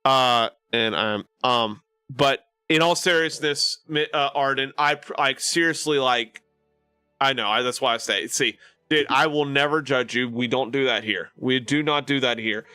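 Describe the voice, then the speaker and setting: A man's voice: medium pitch, measured pace, bright, forceful tone, smooth, dry recording, clean studio sound. A man live streaming and chatting casually with his viewers, rambling with lots of fillers and restarts.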